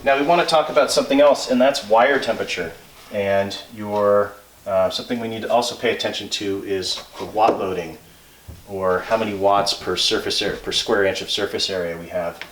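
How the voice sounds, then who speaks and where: Male instructor, fairly low voice, informal hands-on technical explainer, pauses to check himself, recorded away from the mic. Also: a bit bright, a little hiss or hum. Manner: halting, self-checking, thinking aloud. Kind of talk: informal technical explanation, working through calculations aloud. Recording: roomy echo, distant microphone.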